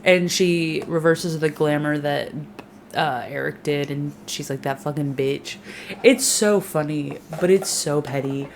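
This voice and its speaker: A woman's voice: sits low, measured pace, slight background noise. A young woman casually recapping a TV season, sarcastic and full of swearing, mimicking the characters as she goes. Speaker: recap vlogger.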